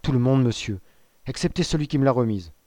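A man's voice: mid-range voice, animated, a little fast, mellow, no room sound, natural voice. A man voicing an eager young sailor, pleading. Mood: earnest. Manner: eager, earnest and protesting. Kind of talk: audiobook character voice.

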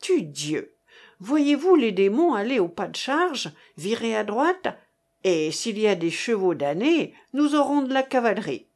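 A woman reading the part of a gruff old male lieutenant, a sailor and soldier who swears and blusters with soldierly bravado. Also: a little high, big pitch swings, measured pace, darkish tone. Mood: blustering.

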